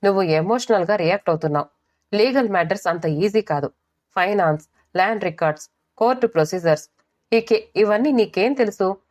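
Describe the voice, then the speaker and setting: A woman's voice: mid-range voice, expressive, brisk, darkish tone, lightly acted. A woman voicing a dismissive, condescending husband. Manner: impatient, talks down.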